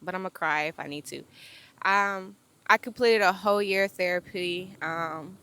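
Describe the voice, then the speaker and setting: A woman's voice: lowish voice, moderate pace, bright, forceful tone, clear, resonant tone. A woman hosting her own podcast, talking casually and animatedly to her listeners, with playful asides to her team. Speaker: podcast host. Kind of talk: casual solo podcast chat.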